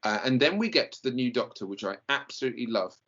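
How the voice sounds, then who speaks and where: A man's voice: mid-range voice, lively intonation, fast, a bit bright, muffled recording. A man co-hosting a casual review chat, rambling and hesitant with lots of fillers. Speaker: podcast co-host.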